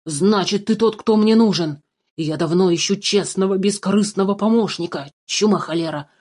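A woman's voice: mid-range voice, normal speed, close to an everyday voice. A woman doing a fussy gray-bearded old dwarf. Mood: excited grumbling. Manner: fussy, excitable, keeps cursing. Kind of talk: storybook reading.

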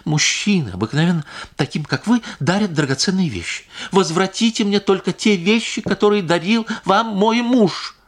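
A man putting on a shrill, indignant noblewoman. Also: expressive, moderate pace. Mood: pleading. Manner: shrill, pleading and accusing by turns. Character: distraught, indignant noblewoman, wife pleading. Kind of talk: audiobook character reading.

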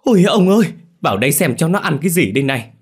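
A man voicing an excitable older village woman who shouts shrilly and fast. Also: fairly high pitch, breathy edge, pitched above the performer's own voice. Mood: alarmed.

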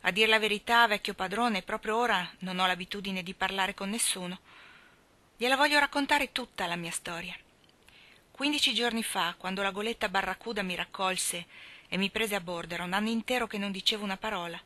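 A woman's voice: medium pitch, fairly quick, pushed and bright, natural voice. A woman reading a young, burly sailor. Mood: earnest. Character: young, big, strong sailor, boastful then earnest.

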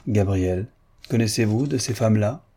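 Storybook role: man playing a proud, impatient chevalier, low and dark. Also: moderate pace. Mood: smooth, ironic. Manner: assured, impatient. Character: impetuous dashing male chevalier, vain and proud.

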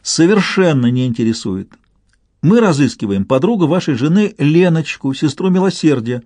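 A man's voice: fairly high pitch, lively intonation, a little mellow, no room sound, pitched above the performer's own voice. Man reading a stern determined young woman. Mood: firm. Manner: firm, measured, cool.

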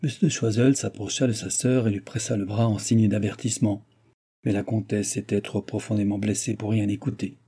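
A man reads a classic novel aloud in a measured, expressive style. His voice is low and very dark, with a husky texture running through the narration. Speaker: audiobook reader. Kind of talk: scripted narration.

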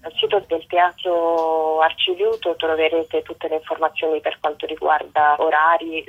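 Over a muffled, narrow telephone line, a woman is interviewed as a stage author and actress promoting her own show. Her voice is low-pitched with little pitch movement, and she talks at a moderate pace.

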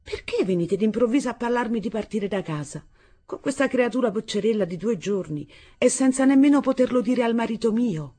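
A woman voicing an anxious young wife and new mother with a Neapolitan accent, worried and timid in a husky voice. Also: a little high, lively intonation, a little fast, warm tone, voice pushed up.

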